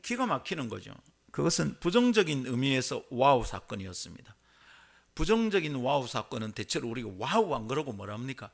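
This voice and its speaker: A man's voice: mid-range voice, big pitch swings, brisk, vocal fry. A male pastor with a Gyeongsang accent preaching a sermon in a church and having the congregation repeat his phrases. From Korea. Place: church sanctuary.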